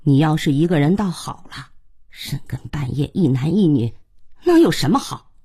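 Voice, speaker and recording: A woman reading the part of a stern middle-aged mother who lectures her daughter at length in a slightly husky, lively voice. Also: low voice, moderate pace, exaggerated voice. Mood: warning. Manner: lecturing, sharp, talks on and on. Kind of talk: audiobook character reading.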